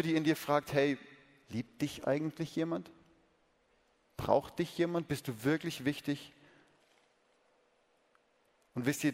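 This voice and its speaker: A man preaching a sermon earnestly, talking straight to his listeners and asking them questions. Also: on the high side. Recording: long reverb of a large hall.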